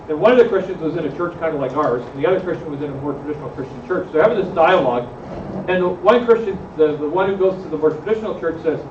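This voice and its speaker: A high-voiced man leads a church discussion group and keeps asking questions of the room. He is recorded from across an echoey room, so he sounds muffled and distant, with faint noise behind him. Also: darkish tone. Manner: questions the group, frequent "right?" tag. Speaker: pastor leading a group discussion. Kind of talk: conversational Bible study discussion.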